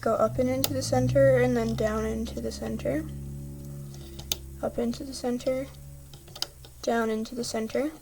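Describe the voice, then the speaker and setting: A woman's voice: on the high side, fairly even intonation, normal speed, gravelly, long pauses, noisy background. A woman patiently talking through a step-by-step craft tutorial, chatty, with small slips, apologies and a slightly throaty voice.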